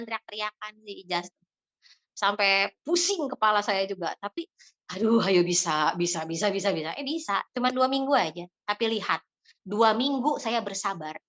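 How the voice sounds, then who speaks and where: Animated woman speaker. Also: mid-range voice. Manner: animated, emphatic repetition. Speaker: parenting speaker. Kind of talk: casual talk to an audience.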